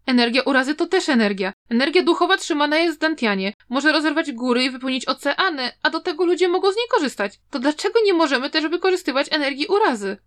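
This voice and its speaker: A woman's voice: sits high, animated, fast, few pauses, a bit bright, voice pushed up. A woman doing a cheeky young troublemaker. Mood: cheeky arguing. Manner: glib, brazenly talking back. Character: cheeky, carefree young man, mischievous troublemaker. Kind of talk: audiobook character reading.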